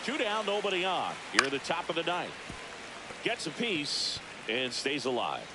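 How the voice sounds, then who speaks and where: A man's voice: fairly high pitch, sing-song, moderate pace. A man playing a baseball play-by-play announcer, calling the game radio-style in clipped, punchy calls over noisy ambience. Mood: focused, animated. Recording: noisy stadium ambience behind voice.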